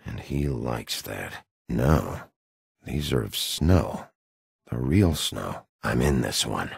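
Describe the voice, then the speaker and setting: Bigby, a gravelly, very deep wolf detective. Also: male voice, dry recording, heavily acted. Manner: terse, low-key, dry. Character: gruff, brooding big bad wolf detective, adult man, dogged. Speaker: voice actor playing a video game detective. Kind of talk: video game dialogue acting.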